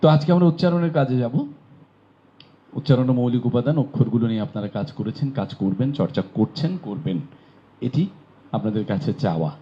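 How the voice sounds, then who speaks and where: A man's voice: medium pitch, fairly quick. A man from Bangladesh teaching pronunciation in a classroom lecture, explaining patiently and asking rhetorical questions. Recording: dull lo-fi recording.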